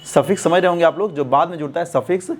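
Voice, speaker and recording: A man teaching a basic English grammar class. He asks the class questions and then answers them himself, and he slows right down to dictate when he spells words out. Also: on the high side. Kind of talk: classroom-style lesson explanation.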